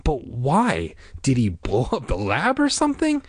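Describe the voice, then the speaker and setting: A man's voice: medium pitch, wildly swooping pitch, unhurried, breathy edge, dry recording, studio quality, voice pushed up, exaggerated voice. A man reading a storybook aloud and voicing a peevish eleven-year-old boy with a whiny, grudging tone.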